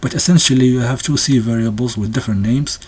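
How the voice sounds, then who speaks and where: A man with a slightly husky voice talks through a textbook in a casual, unscripted way. He often stumbles and restarts his sentences, and now and then he gives a small nervous laugh as he explains. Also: medium pitch, fast, a little mellow. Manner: hesitant, many restarts and fillers, occasional nervous laughs. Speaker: presenter discussing a textbook.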